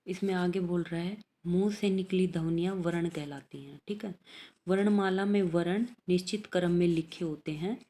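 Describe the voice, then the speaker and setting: A woman's voice: on the low side, steady tone, moderate pace, dark tone. A woman teaching an elementary language lesson, patiently reading out letters and exercises and checking in after each point.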